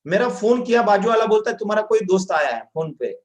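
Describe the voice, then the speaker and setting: Man, motivational testimonial, acts out dialogue, high voice. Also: lively intonation, quick pace, echoey room. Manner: storytelling, acting out dialogue. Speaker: direct selling distributor.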